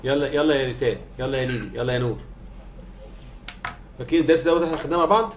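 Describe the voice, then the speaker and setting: A man's voice: mid-range voice, racing, a little hiss or hum. A young man with an Egyptian Arabic accent teaching a private online math lesson, coaxing his students and checking that they follow. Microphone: video call.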